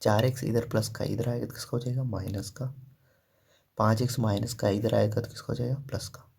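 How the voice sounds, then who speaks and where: A man's voice: on the low side, fairly even intonation, fairly quick, gravelly, darkish tone, slightly rough. A man teaching a math lesson step by step, asking questions and answering them himself, with frequent "ठीक है" and "देखो".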